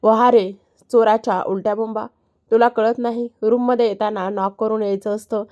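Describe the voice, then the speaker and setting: A woman reading a storybook part as a sharp-tongued young woman who snaps back with quick retorts. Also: a little high, fairly even intonation, dull audio, natural voice. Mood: sassy.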